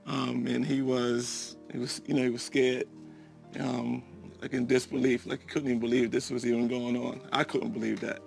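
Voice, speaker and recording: A man's voice: mid-range voice, level tone, moderate pace, creaky, darkish tone, soft background music. A man in a documentary interview, recalling a call hesitantly with "um" and "you know.". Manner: hesitant, with 'um' and 'you know'.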